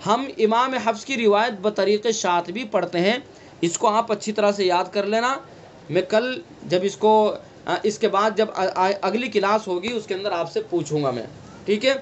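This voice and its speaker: A man with a Delhi Urdu accent leads an online Quran recitation class, his voice sitting high for a man. He goes over each rule patiently, repeating it and quizzing the students, then answering himself. A faint hiss of noise runs under the recording. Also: muffled recording. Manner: slow, repetitive teaching, asks and answers own questions. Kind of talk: online tajweed class lecture.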